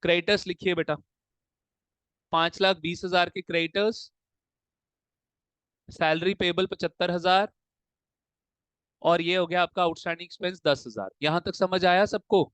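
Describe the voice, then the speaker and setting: A man's voice: high voice, fairly even intonation, normal speed, long pauses, a bit bright, smooth, dry recording. A male accounts teacher, mixing Hindi and English while he drills a class with repeated questions. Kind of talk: classroom lesson.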